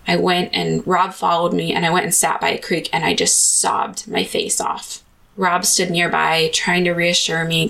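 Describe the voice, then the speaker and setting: Woman doing earnest confessional storytelling, lowish voice w a lot of vocal fry. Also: a bit bright, rough recording. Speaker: podcast host telling her own story. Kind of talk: personal storytelling monologue.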